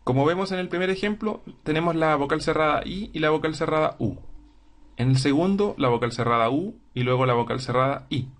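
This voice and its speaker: A man teaching a grammar lesson, explaining slowly and clearly and sounding out words syllable by syllable. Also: fairly high pitch.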